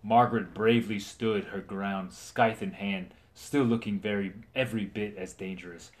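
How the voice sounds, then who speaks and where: A man's voice: on the low side, fairly even intonation, normal speed. A man reading a fantasy story aloud dramatically, stumbling and restarting now and then.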